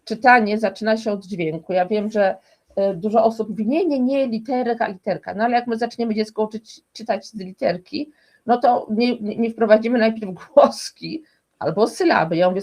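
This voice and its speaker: A woman's voice: mid-range voice, normal speed, darkish tone. A woman speaking as a guest expert in a conversational interview, explaining emphatically and restarting often.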